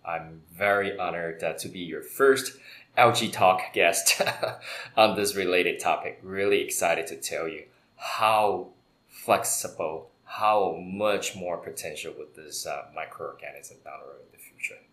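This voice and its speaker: A man's voice: sits low, measured pace, fairly bright tone. A man from Taiwan, a company founder, answering interview questions in a hesitant way with many fillers. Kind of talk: conversational interview. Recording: echoey room.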